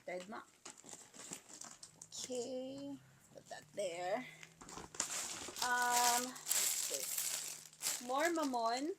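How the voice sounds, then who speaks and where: Excitable woman, 27, slow-talking. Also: a little high. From Philippines. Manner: excitable, mixes Tagalog into English. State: sick with a sore throat. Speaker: vlogger. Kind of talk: casual unboxing vlog. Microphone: tablet mic. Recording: crinkling packaging noise close by.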